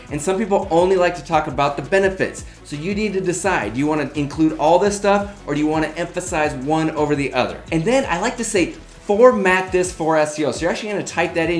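A man giving a step-by-step tutorial to camera, speaking in an upbeat, direct way. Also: a little high. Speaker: marketing instructor. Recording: echoey room with faint music.

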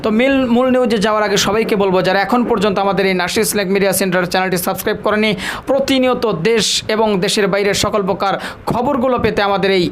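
A Bangladeshi man presents a news channel introduction in a high voice. He rattles it off extremely fast, with slight noise in the background.

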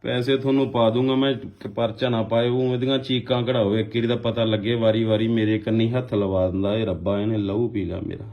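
A man's voice: fairly low pitch, flat delivery, a little fast, hardly any pauses. Exasperated man ranting on a phone call. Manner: exasperated, complaining, rambling. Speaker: prank caller playing a worried father. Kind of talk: phone prank conversation.

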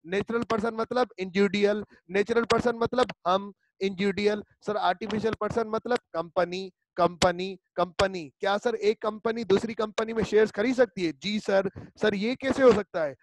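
Giving an online law lecture, this man repeats key terms to drill his students in a call-and-response style. He speaks at a normal speed in a high, steady voice, over poor audio with slight background noise.

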